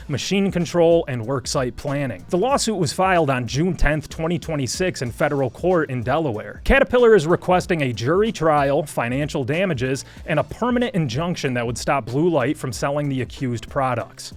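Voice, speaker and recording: Man, show host, scripted commentary, wry jokes, slightly high, animated pitch. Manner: wry, joking, sponsor plugs.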